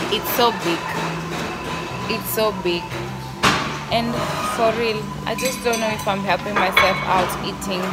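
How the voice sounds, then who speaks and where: Chatty young woman vlogging over loud music. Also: medium pitch. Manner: chatty, repeats words for emphasis. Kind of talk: casual vlog chat. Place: large empty restaurant indoors. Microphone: phone camera held at arm's length. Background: loud background music.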